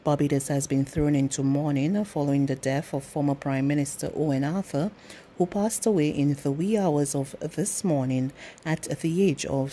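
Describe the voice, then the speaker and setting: A woman news reporter reading a sober scripted report in a measured way. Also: low voice, dark tone, a little hiss or hum.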